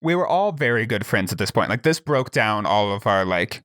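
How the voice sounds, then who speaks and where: Young man, podcast guest; casual, animated storyteller who laughs and swears along the way; dry, close sound. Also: on the low side, normal speed, no room sound.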